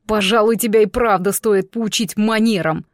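A woman's voice: mid-range voice, steady tone, normal speed, no echo, clean studio sound, natural voice. A woman voicing an arrogant, smug young man who mocks and bullies his fiancée. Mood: mocking. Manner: mocking, condescending. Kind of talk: audiobook character voice.

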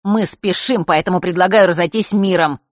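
A guarded, defiant teenage boy, as a woman narrator reads him answers slowly in short, clipped lines. The audiobook recording is close and dry. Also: lowish voice, no room sound, close to an everyday voice. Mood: cool. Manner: slow, flat, clipped replies. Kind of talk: audiobook character reading.

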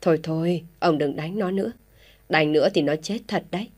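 A woman's voice: low-pitched, fairly quick, darkish tone. A woman reading an audio story voices a worried mother urgently pleading to stop a beating.

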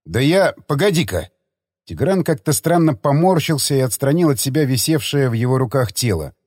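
A man reading an audiobook with expressive, dramatic narration. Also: mid-range voice, fairly quick, dry recording, studio quality. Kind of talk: scripted narration.

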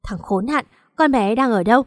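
A woman's voice: a little high, expressive, normal speed, no room sound, studio quality, lightly acted. A woman voicing a jealous, ruthless young woman who speaks harshly and defiantly in a storybook. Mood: angry.

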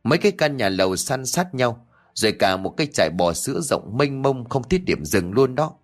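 A man voicing a brash, greedy young male schemer who talks in an excited, wheedling way. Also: mid-range voice, moderate pace, soft background music.

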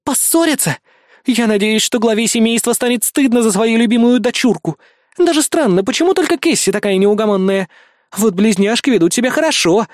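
A man's voice: sits high, a little fast, a little mellow, voice pushed up, lightly acted. A man voicing a fierce, blunt young woman, the narrator's partner, in an audiobook, with a brusque, sarcastic manner. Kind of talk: audiobook character voice.

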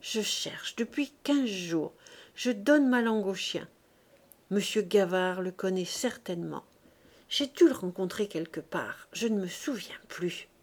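A woman's voice: mid-range voice, moderate pace, a little mellow, natural voice. A woman reading aloud, voicing a gossipy, scheming old spinster who insinuates and pries. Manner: prying, insinuating.

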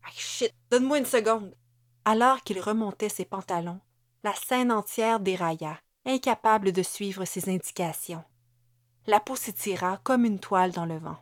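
A woman narrating a novel in a measured, even reading. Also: mid-range voice, no echo, studio quality. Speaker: audiobook narrator.

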